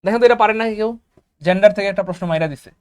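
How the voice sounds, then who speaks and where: Guy teaching english for exams, talks super fast, keeps repeating stuff, high voice. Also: smooth, dry recording, clean studio sound. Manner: energetic, repeats key words, addresses viewers as brothers and sisters. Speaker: English teacher for job exam prep. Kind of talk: online exam-prep lecture.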